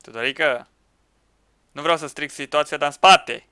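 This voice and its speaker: A man commenting on a Minecraft match with friends, excitable, shouting at teammates and laughing. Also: fairly high pitch, clean tone, no room sound, clean studio sound. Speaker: gaming YouTuber.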